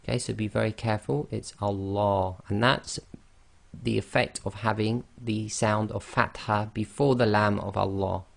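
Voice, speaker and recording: A man teaching a slide-based online lesson, explaining slowly and carefully and often checking in with "okay". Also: fairly low pitch, steady tone, creaky, a bit bright. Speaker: Quran recitation teacher.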